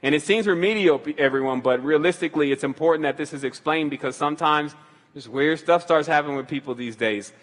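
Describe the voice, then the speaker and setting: A man's voice: a little high, fast, a bit bright, big-room sound. A man hosting a call-in show, speaking in a loose, rambling way with many restarts. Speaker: radio show host taking calls. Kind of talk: casual call-in talk.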